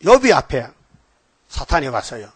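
A man's voice: medium pitch, sing-song, moderate pace, slightly rough, no room sound. An older man preaching a sermon, emphatic and constantly prompting the congregation for a response. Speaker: pastor.

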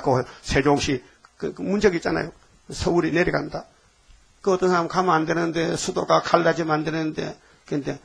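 A man's voice: fairly high pitch, gravelly, breathy edge. A man preaching a sermon, scolding and firing off rhetorical questions.

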